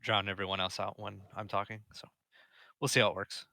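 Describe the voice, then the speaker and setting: Man, group voice chat raid leader, low-ish bright voice, flat delivery, directive with fillers. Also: fairly quick, creaky, no echo, studio quality. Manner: directive, explaining tactics with frequent fillers.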